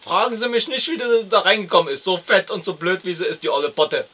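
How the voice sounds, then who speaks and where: Male performer as callous young unemployed father, sketch comedy, complaining and halting, raised forceful voice, dull audio. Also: high voice, slightly rough, voice pushed up, heavily acted. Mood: indignant, complaining. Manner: stammering, complaining. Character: whiny, callous, lazy 25-year-old unemployed father.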